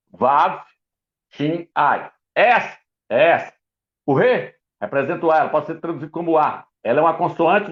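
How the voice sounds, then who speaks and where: A middle-aged man, teaching the Bible emphatically as a preacher, repeating his points and speaking straight to the viewer. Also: a little high. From Brazil. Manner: repetitive, insistent, addresses viewer directly; writes letters out while explaining. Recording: dull lo-fi recording.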